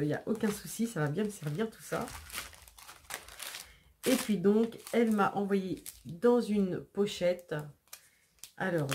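A woman's voice: mid-range voice, a little mellow, slight background noise. A woman hosting a scrapbooking channel, unboxing mail in a casual, chatty way with many hesitations and repeated words, sniffling a little. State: sniffling after sneezing.

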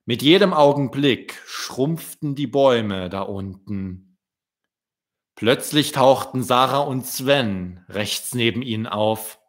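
A man, a children's book author, reading his story aloud in a deliberate storytelling manner. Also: medium pitch, lively intonation.

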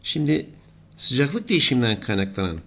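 A man's voice: medium pitch, big pitch swings, moderate pace, gravelly, fairly bright tone. A middle-aged man giving an engineering lesson, explaining steadily and thinking aloud as he writes. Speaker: engineering lecturer. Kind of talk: whiteboard lesson.

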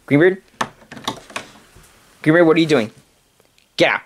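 A woman's voice: low-pitched, animated, measured pace, slight background noise. A woman acting out a stuffed-animal story, switching between silly character voices.

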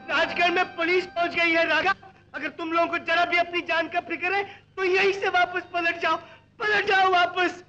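A man's voice: very high voice, normal speed, bright, forceful tone, soft background music. An actor playing an earnest, simple village man who speaks with impassioned pleading and swears oaths, on an old film soundtrack. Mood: frantic. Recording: dull 1960 film soundtrack.

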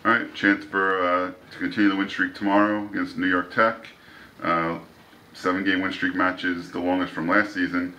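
A man's voice: low voice, level tone, normal speed, bright, forceful tone, rough recording. A man interviewing a coach after a game, reading off stats before he asks each question. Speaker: sports interviewer. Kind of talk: postgame sports interview questions.

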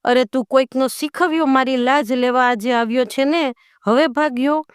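A woman reading as a calm fearless warrior king. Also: high voice, moderate pace, smooth, no echo, clean studio sound, natural voice. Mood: commanding. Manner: calm and commanding.

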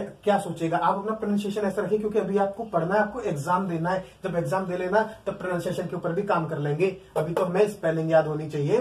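A man's voice: high voice, a little mellow. A man with an Indian accent teaching an exam-prep vocabulary lesson. He drills words by repeating them over and over and keeps asking the class questions. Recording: echoey room, mic at a distance.

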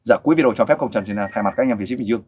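A man's voice: lowish voice, rapid-fire, slightly rough, lo-fi sound. Coaxing Vietnamese man interviewer. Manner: coaxing, animated with the child. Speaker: host interviewer for a volunteer group. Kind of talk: casual interview.

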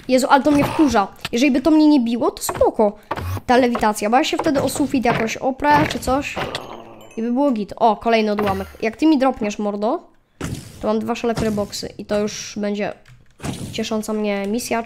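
A woman's voice: mid-range voice, background noise. A woman casually commenting on her gameplay, chatting to viewers and yelping at attacking mobs. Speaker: gaming channel host. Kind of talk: casual let's play commentary.

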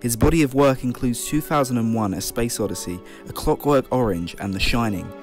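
A man's voice: mid-range voice, a little fast. A man reading scripted documentary-style narration for a video report. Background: music.

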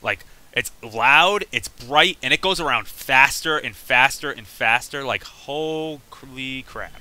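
A man giving excitable, chatty gameplay commentary, reacting aloud as he plays. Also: medium pitch, slow, rough recording. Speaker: let's play gamer.

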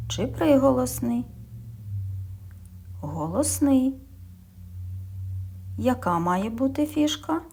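A woman's voice: a little high, gravelly, a little mellow, a little hiss or hum. A woman kindergarten teacher giving a speech lesson to young children, patiently asking questions and answering them herself, sometimes dropping to a whisper.

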